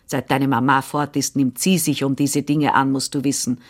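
A fussy, witch-like old seamstress who chatters and scolds yet means well, as a woman reads her in an audiobook. Her voice sits low and she talks in a busy, fretting way. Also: little pitch movement, moderate pace. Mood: matter-of-fact. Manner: chattering, scolding then soothing. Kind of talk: audiobook reading.

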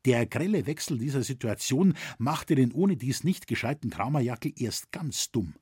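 Man narrating an audiobook, husky voice, lively pitch, dry close sound. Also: normal speed, dry recording. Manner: expressive storytelling. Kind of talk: reading a novel aloud.

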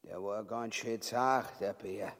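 A man's voice: fairly low pitch, slow pace, fairly bright tone. An actor playing a pompous, cruel, cowardly buffoon king in a grotesque stage comedy, speaking coarse Austrian dialect. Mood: groggy boasting. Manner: pompous, bellowing and muttering, coarse. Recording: echoey hall with long reverb.

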